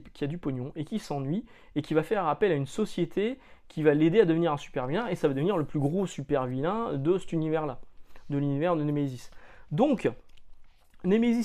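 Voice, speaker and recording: A man's voice: fairly high pitch, a little mellow. A man from France talking casually about comics, chatty and jokey, with lots of hesitant fillers. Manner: jokey, loose slang. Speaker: comics reviewer.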